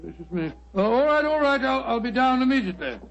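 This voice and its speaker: A man's voice: very high voice, big pitch swings, fast talker, highs cut off, heavily acted. A man playing a genial, fussy elderly British doctor in 1940s radio drama, avuncular and bumbling, with a stammering delivery. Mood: flustered. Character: genial, fussy elderly English doctor telling his old adventures. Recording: hissy 1940s radio recording with clicks.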